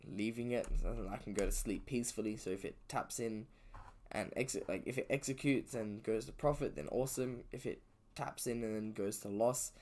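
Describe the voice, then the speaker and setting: Low-voiced man mumbling through a trading chart. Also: fairly quick, darkish tone. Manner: loose, thinking aloud with fillers and self-corrections. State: sleepy, yawning. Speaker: trader streaming his session. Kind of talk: casual live trading commentary. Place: indoors at home.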